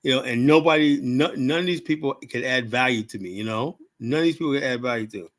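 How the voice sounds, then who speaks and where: A medium-pitched man in his seventies talks quickly through a casual livestream monologue as host. He's rambling and blunt, swears a lot, and keeps adding "you know?" to his lines.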